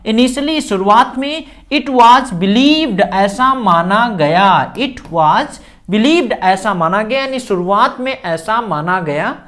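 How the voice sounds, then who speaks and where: A woman with an Indian accent teaching English by reading a newspaper aloud, reading each phrase slowly and explaining it in Hindi. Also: mid-range voice, animated, fairly bright tone.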